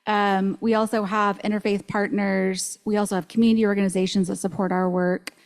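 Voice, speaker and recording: A woman speaks as a guest at a spiritual center service, relaxed and conversational. She fills pauses with ums and restarts her sentences often. Her voice sits at a middle pitch. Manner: chatty, with many ums and restarts. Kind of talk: live talk to a congregation.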